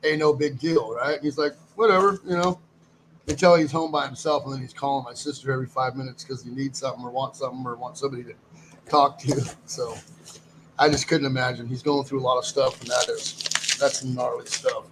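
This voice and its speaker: A man's voice: medium pitch, flat delivery, brisk, background noise. A man hosting a live stream, talking casually and rambling as he greets viewers and goes through items. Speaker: live stream host running a silver auction.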